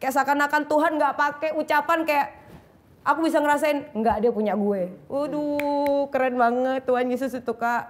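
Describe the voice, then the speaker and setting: A woman's voice: sits high, moderate pace. A young woman, telling a personal testimony in an interview, acting out quotes as she goes. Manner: animated storytelling, acting out quotes with shifting voice. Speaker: guest sharing her testimony. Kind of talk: emotional conversational testimony.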